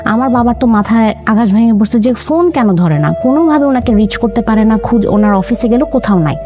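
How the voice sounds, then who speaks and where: A young woman with a higher voice and lively intonation talks a little fast as an interview guest. She earnestly tells her family's story, quoting her parents along the way, over a music bed.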